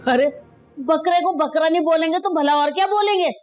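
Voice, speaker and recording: बातूनी अधेड़ उम्र की रिश्ते लाने वाली खाला। उसकी आवाज़ ऊँची है और बातों में खूब तारीफ़ें भरी रहती हैं। पीछे हल्का संगीत बजता है।. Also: female voice, extremely high pitch, a little fast, darkish tone, soft background music. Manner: gushing, talkative. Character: chatty middle-aged matchmaking aunt. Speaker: matchmaker aunt. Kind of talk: TV drama acting.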